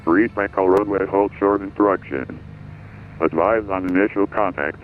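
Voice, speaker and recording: A man's voice plays a recorded airport weather broadcast over the aircraft radio. He sits very low in pitch and reads the weather and runway figures in a flat, formal way. The sound is thin and tinny, like a narrow-band radio channel. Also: moderate pace, soft background music. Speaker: automated airport information broadcast.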